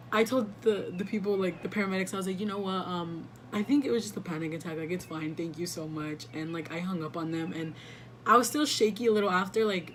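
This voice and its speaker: A woman's voice: mid-range voice, slight background noise. A young woman vlogger telling a casual storytime story, chatty and swearing, with lots of "like"s. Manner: animated, chatty, swears, many "like"s.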